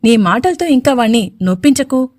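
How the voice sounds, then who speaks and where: A man's voice: very high-pitched, lively intonation, normal speed, no echo, clean studio sound. A woman voicing a stern middle-aged uncle in a storybook, speaking seriously and firmly. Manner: serious, firm.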